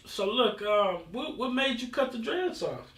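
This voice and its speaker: A man hosting a casual podcast interview, asking questions in a laid-back, slangy way and agreeing often with quick yeahs. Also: very high-pitched, expressive, fairly bright tone, far from the mic. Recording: roomy sound, voice set back from the mic.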